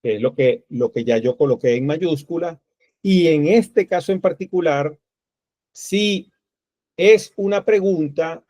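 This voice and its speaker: A man's voice: on the high side, unhurried, warm tone, no echo. A man teaching a programming class, thinking aloud step by step while he types code. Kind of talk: screen-recorded coding tutorial. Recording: dull, lo-fi dry recording.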